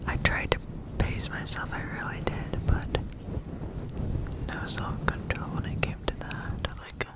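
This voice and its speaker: An ASMR vlogger chatting in a soft unvoiced whisper, rambling with many fillers and eating between remarks. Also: unhurried. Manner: chewing and eating sounds between talk.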